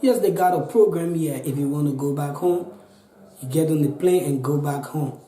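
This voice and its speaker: A man's voice: a little high, normal speed, mellow, reverberant, rough recording. A Liberian man in his twenties with a Liberian accent, telling his own story in an interview, earnest and pleading, often repeating himself. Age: 20s. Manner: pleading, repetitive, restarts often. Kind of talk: earnest personal account.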